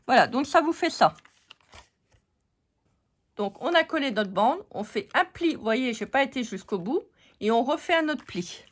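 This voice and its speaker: A woman's voice: high voice, expressive, moderate pace, pauses often. A woman hosting a casual card-making tutorial, joking and teasing her viewers as she works.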